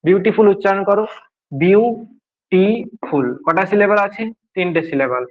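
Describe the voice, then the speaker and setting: Guy teaching grammar, slightly high voice, keeps asking the class questions, kinda dull sound. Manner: explains slowly, repeats and quizzes students. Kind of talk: grammar lesson.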